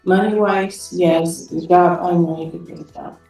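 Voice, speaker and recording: A woman testifying as a witness about her son, answering briefly and softly in a courtroom recording. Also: lowish voice, steady tone, moderate pace, creaky, faint music behind. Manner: brief, soft-spoken answers. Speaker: witness, defendant's mother. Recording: very echoey courtroom audio from far off.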